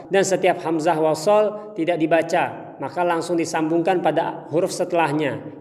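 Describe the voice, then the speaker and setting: A high-pitched male teacher with an Indonesian accent gives a recitation lesson. He over-enunciates, shaping each syllable with great care as he explains and demonstrates. His voice rings with echo and a long reverb tail. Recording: echoey, long hall-like reverb.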